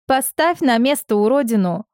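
A woman's voice: a little high, animated, normal speed, a little mellow, clear, resonant tone, dry recording, studio quality, close to an everyday voice. A woman voicing a capricious, mocking young mistress in an audiobook.

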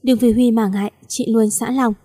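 A woman's voice: a little high, fairly even intonation, moderate pace, mellow, natural voice. A woman voicing a concerned, protective older sister in a read-aloud story.

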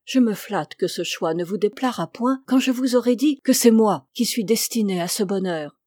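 A woman doing a spiteful yellow dwarf, sneering. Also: mid-range voice, normal speed, no room sound, studio quality, lightly acted. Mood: smug. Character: ugly little yellow dwarf, spiteful, scornful man.

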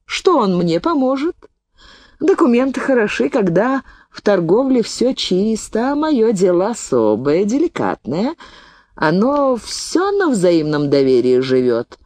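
A woman's voice: fairly low pitch, dry recording. A woman reading an audiobook, voicing a shrewd, talkative old woman peddler who tells her tale in a folksy, indignant way. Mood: shrewd explaining. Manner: folksy storytelling, lively and indignant.

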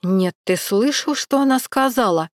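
A woman's voice: fairly high pitch, animated, unhurried, dry recording, studio quality. A woman doing a sneering drunk young thug. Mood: mocking. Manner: sneering, mocking. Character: tipsy mocking young male street thug.

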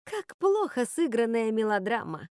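A woman voicing an excitable young witch sister who squeals and mocks gleefully. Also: fairly high pitch, unhurried, no echo, studio quality. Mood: mocking.

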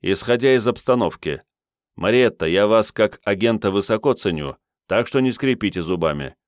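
A man's voice: lowish voice, lively intonation, normal speed, no echo, studio quality, lightly acted. A man voicing a middle-aged unit chief, firm and barking orders.

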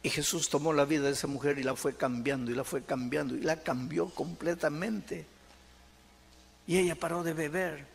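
A male pastor with a Latin American Spanish accent preaching a sermon, moving between loud, high appeals and soft, slow storytelling. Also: fairly even intonation, gravelly, slightly rough.

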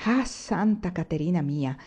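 A woman's voice: medium pitch, expressive, normal speed, a little mellow, natural voice. A woman reading aloud and voicing a sorrowful old peasant wife who sighs and pleads. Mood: pleading.

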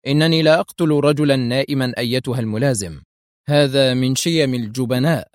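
A man voicing a calm, wry male secret agent who speaks with firm composure. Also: mid-range voice, fairly quick, no echo, clean studio sound, close to an everyday voice. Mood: cool.

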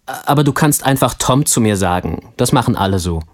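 A man playing a friendly young family man in a language course, answering interview questions in a scripted textbook dialogue with calm, clear speech. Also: mid-range voice, a little fast, close to an everyday voice. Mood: friendly, relaxed.

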